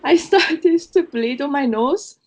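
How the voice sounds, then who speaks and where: Speaking slowly in a high, expressive voice, a South Korean podcast co-host shares stories in casual chat and laughs often. There is slight background noise, and the lo-fi recording has a slightly dull quality.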